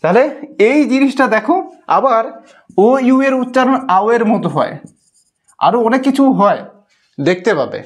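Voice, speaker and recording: A man's voice: extremely high pitch, lively intonation, normal speed, long pauses. A man teaching an English lesson to children, explaining step by step and checking in with "okay".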